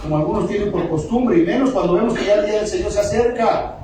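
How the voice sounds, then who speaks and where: A man's voice: high voice, quick pace, noisy background. Pastor, male, fiery call-and-response sermon, far mic, echoey hall with music. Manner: emphatic, call-and-response preaching. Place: church sanctuary.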